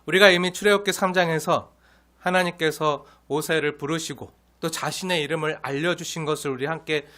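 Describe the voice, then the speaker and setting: High-voiced, animated male pastor; preaches and asks questions. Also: fairly quick. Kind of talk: expository sermon.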